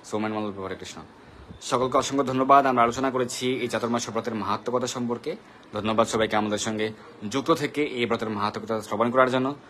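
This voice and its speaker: A man's voice: medium pitch, steady tone, quick pace, a bit bright, slight background noise. A man hosting a live devotional question-and-answer session, patiently explaining and greeting viewers by name. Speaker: devotional Q&A host.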